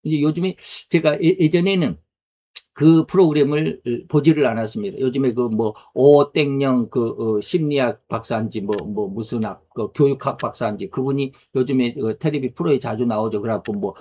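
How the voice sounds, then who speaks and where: A man's voice: mid-range voice, normal speed, dark tone. A male pastor preaching a sermon in a conversational way, asking rhetorical questions. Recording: dull lo-fi recording.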